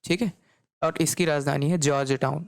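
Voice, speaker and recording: A man's voice: on the high side, fairly even intonation, normal speed, gravelly, no room sound, studio quality. A man teaching geography in a recorded lecture, checking in often and repeating each point back as a question. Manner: repeats key points as quiz questions, frequent "okay" checks.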